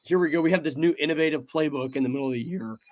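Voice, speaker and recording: A young college man of about twenty with a slightly high voice. He teases his friends with questions and argues the game's merits in casual chat. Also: racing. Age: young adult. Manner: teasing, inquisitive, argumentative. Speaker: college student.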